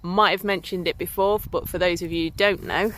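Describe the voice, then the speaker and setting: A woman's voice: on the low side, fairly even intonation, fairly quick, fairly bright tone, a little hiss or hum. A woman, vlogging casually to a handheld camera in a farm field. She is slightly out of breath, chatty and giggly, with lots of ums. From England. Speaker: smallholding vlogger.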